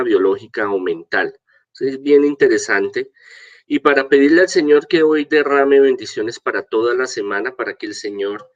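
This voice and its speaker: An older man speaking as a clergyman, greeting the faithful, preaching and reading scripture in a halting way with stumbles and repeated words. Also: on the low side. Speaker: archbishop leading an online prayer and gospel reading. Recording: dull, lo-fi sound.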